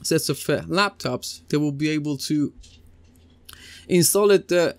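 A computing teacher in his thirties records a lesson over slides while seated at a desk in a small indoor room, speaking conversationally with lots of fillers and restarts. His voice is a little high and unhurried, and the recording is dry.

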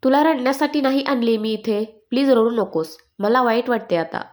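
A woman voicing a gentle, affectionate young man who coaxes in a soft pleading tone. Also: fairly high pitch, normal speed, natural voice. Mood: coaxing. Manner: soft coaxing tone.

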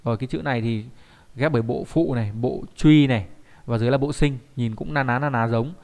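Guy doing an online kanji lesson, mid pitch, keeps going "right?" at the class. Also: a little fast, darkish tone. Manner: keeps asking the class rhetorical check questions. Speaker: Japanese kanji teacher.

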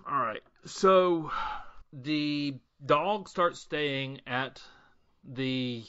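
Bright-voiced man retelling a movie. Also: a little high, drawn-out words, clean tone, no echo, lo-fi sound. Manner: conversational, retells the plot and acts out quotes. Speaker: podcast co-host. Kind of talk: casual chat.

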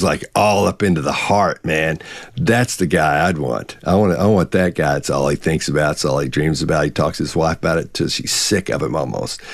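A man's voice: deep voice, no echo, clean studio sound. A man in his fifties co-hosting a live Q&A over a video call, telling stories and acting out quotes. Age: 50s. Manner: animated storyteller, acts out quotes. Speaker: co-host. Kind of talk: casual live Q&A chat. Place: home office with bookshelves. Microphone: video call webcam.

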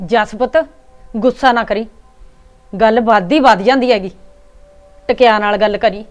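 A woman playing an anxious older mother with a Punjabi accent, soft and pleading. Her fairly high voice keeps trying to calm the men down. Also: a little slow, faint music behind, close to an everyday voice. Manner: pleading, hushing, soft-spoken. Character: worried mother hushing quarrels, fearful of gossip.

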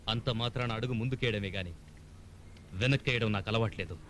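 An actor playing a confident, teasing police investigator in a film drama. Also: male voice, medium pitch, fast talker, heavy background noise, natural voice. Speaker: police officer. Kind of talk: film acting. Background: film score music.

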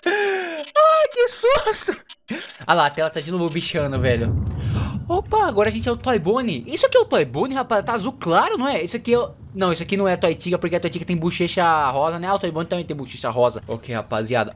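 Over game music and a noisy background, a young man with a slightly high voice provides let's play commentary on a horror game. He's a gaming YouTuber with a Brazilian Portuguese accent who yelps and laughs in fright while addressing his viewers.

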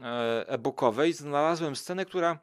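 A man's voice: on the high side, normal speed, dry recording, studio quality. A man chatting casually as a podcast guest, rambling with many fillers and restarts. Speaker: podcast guest, food show creator. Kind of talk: casual chat.

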